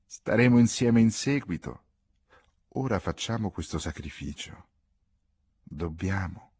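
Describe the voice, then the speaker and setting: A man's voice: low-pitched, sing-song, measured pace, vocal fry, a little mellow, husky, heavily acted. Man reading as an anxious, pleading young lover.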